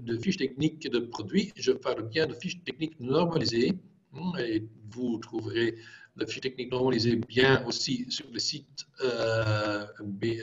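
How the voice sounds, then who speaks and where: A man who is not a native French speaker, presenting technical material in halting French with a foreign accent. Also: medium pitch. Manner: halting, filler-heavy non-native phrasing. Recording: dull lo-fi video call audio.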